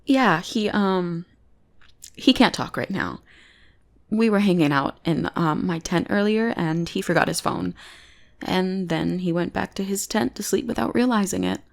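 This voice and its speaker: In an ASMR roleplay, a young woman plays a goth bully who teases and acts possessive while secretly being smitten. Her lowish voice moves a little slowly and sounds sweetly polite, playful and taunting, sometimes dropping into breathy whispers.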